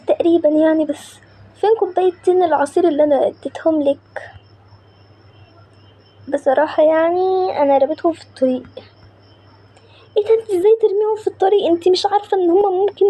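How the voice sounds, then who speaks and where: A woman with an Egyptian accent telling a story in lively, conversational character voices. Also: very high-pitched, quick pace, pauses often. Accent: Egyptian Arabic.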